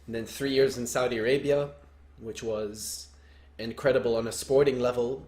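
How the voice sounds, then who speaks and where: A young man from Lebanon co-hosting a soccer coaching podcast, relaxed and dry-humored. His voice sits at a middle pitch, and he is recorded in a roomy, echoey space. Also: moderate pace. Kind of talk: casual podcast chat.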